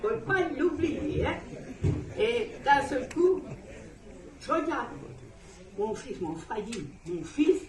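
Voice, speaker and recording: Woman, church testimony, emotional and rambling, high lively voice, recorded from afar in a reverberant room. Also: slow, long pauses, recorded from a distance, crowd noise. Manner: emotional, rambling, laughs often while telling. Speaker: church member giving testimony. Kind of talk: spoken religious testimony.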